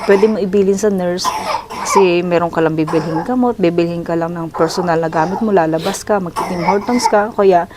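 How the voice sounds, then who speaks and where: A woman's voice: lowish voice, noisy background. A middle-aged Filipino woman vlogging from a hospital room, chatting in a sympathetic, conversational way and slipping English words into her speech. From Philippines. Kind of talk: casual storytelling vlog.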